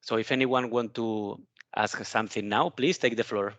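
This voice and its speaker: A man's voice: on the low side, steady tone, normal speed, a bit bright, no echo, dull audio. Man moderating an online call. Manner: loose, self-correcting. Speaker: conference moderator.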